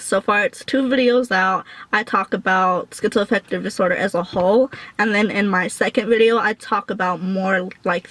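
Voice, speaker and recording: A woman's voice: medium pitch, a bit bright, dry recording, low-quality recording. A woman vlogger chatting casually to her viewers in an informal, rambling, slangy way. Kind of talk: casual chit-chat to viewers, answering questions.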